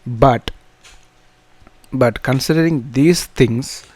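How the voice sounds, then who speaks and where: A man with a Telugu accent teaching an informal programming tutorial, in halting, repetitive phrases with restarts. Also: mid-range voice, darkish tone, husky, no room sound. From south India. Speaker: programming instructor.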